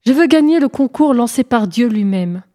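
A woman's voice: a little high, expressive, normal speed, mellow, natural voice. Woman voicing a boastful vain doe. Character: vain ambitious female doe.

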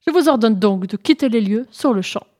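A woman's voice: a little high, expressive, a little fast, mellow. A woman voicing a greedy, scheming female hyena who speaks in a false, bossy way in a storybook tale. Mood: sly, commanding. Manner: falsely friendly, then commanding.

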